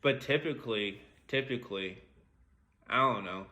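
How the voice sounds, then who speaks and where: A young man co-hosts a podcast in loose, casual chat. His voice is bright and forward. He laughs easily and leans on slang. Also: on the low side, moderate pace. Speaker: podcast co-host.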